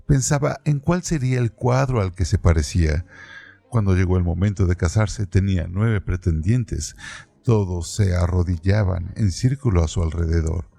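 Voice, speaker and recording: A man narrates a radio-theatre piece, reading a literary text from a script in a measured, deliberate way. His voice sits low, with a creaky but warm tone.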